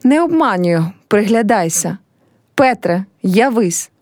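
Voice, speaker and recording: A woman's voice: medium pitch, sing-song, slow pace, a little mellow, dry recording, clean studio sound. A woman reading a play aloud and voicing a teasing, scheming young village man. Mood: urgent.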